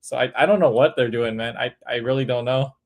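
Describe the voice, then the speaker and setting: A man's voice: mid-range voice, fairly quick, vocal fry. Rambling man full of "like". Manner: rambling, heavy filler "like". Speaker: podcast co-host. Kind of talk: casual chat.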